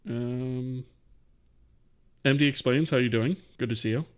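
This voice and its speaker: A man's voice: mid-range voice, fast. A man hosting a live coding stream, thinking aloud as he types and answering questions from chat.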